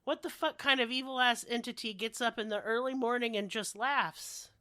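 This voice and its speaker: Feeling a bit under the weather with a cold-like illness, a woman hosting a podcast swears her way through sardonic, comedic stories. Her fairly high, sharp voice keeps a moderate pace, and the studio audio is clean with no echo.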